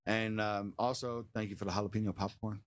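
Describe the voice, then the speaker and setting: A man's voice: fairly low pitch, fairly even intonation, brisk. A man co-hosting a sports podcast, talking through the game in a thoughtful, analytical way. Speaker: podcast co-host. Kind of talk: casual podcast talk.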